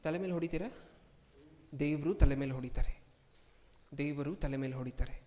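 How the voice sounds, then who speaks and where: A man preaching with a fairly high voice, peppering his listeners with questions and echoing his own phrases. He drops to quiet asides, then surges into loud, emphatic declarations. The sound carries a long hall reverb. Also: moderate pace. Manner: asks the congregation many questions and repeats lines for emphasis; swings from hushed asides to loud emphatic outbursts. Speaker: pastor. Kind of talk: sermon.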